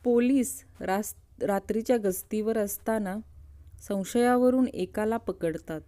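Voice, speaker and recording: Woman, comic joke narration, playful character voices, warm tone. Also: slow. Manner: lively storytelling, switches pitch and loudness for characters. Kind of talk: reading drunkard jokes aloud, acting out the characters' lines.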